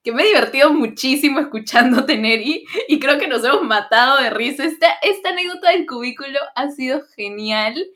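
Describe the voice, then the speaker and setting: A woman hosting a casual podcast, playful and quick with jokes. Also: high voice, lively intonation, a bit bright. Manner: playful, joking interjections. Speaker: podcast host.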